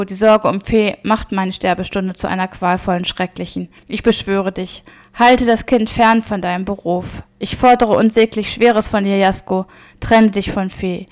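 A woman voices a gentle, loving wife on her deathbed in a storybook reading. She speaks softly and earnestly, with a weary, middling-pitched voice. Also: close to an everyday voice. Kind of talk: audiobook reading.

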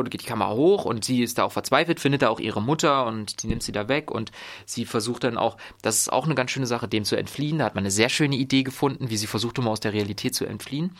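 A man with a medium-pitched, slightly bright voice casually recaps films he has watched on a podcast. As a film reviewer, he rambles with lots of fillers and restarts.

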